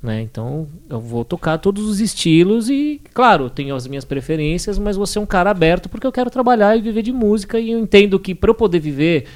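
A man's voice: sits high, very animated, quick pace, hardly any pauses, darkish tone. A man, a drummer, reflecting in casual chat with many restarts. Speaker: drummer, guest.

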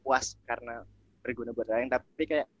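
A man's voice: mid-range voice, fairly even intonation, brisk, dull audio. A man in a casual group chat, telling a story in a hesitant, reflective way. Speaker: discussion panelist.

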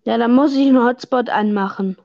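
A woman's voice: on the high side, a little fast, gravelly, a little mellow, muffled recording. A young woman hosting a casual podcast chat, teasing and exclaiming in slangy talk. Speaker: podcast host. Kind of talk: casual chat while gaming.

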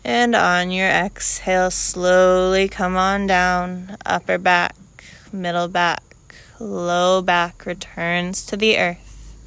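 Female yoga instructor, very clear smooth tone, even and calm delivery, unhurried short cues. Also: lowish voice. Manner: calm, unhurried cueing in short measured phrases. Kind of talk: guided yoga class instruction.

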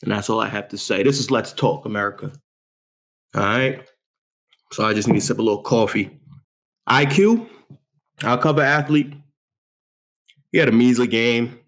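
A young man from New York talks sports on his own show, boastful and fired up. He leans on street slang, repeats himself for effect and keeps things animated. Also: mid-range voice, moderate pace, long pauses. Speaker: show host. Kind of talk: hyped sports talk monologue.

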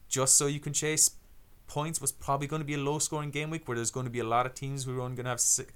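Bright-voiced man explaining football strategy. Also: mid-range voice, flat delivery, fast talker, clean tone. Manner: explains strategy step by step, restarts often. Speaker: podcast co-host. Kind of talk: casual fantasy football chat.

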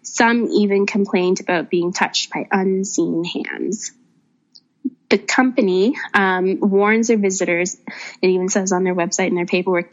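A woman co-hosting a podcast, telling a story in a brisk, conversational way. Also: medium pitch, dull audio. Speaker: podcast co-host.

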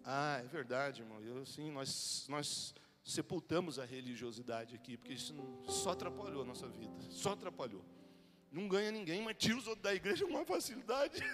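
A middle-aged man with a Brazilian Portuguese accent preaching a humorous testimony sermon. He tells the story in a lively way and acts out the people he quotes. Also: on the high side, a little fast, music in the background.

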